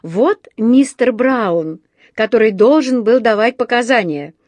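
A woman's voice: on the high side, lively intonation, unhurried, a little mellow, no echo, clean studio sound, pitched above the performer's own voice. Woman voicing a courteous elderly antique dealer. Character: kindly polite elderly male antique dealer.

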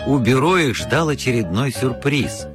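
A man's voice: mid-range voice, sing-song, normal speed, over music. A man narrating a children's story from a script with lots of expression.

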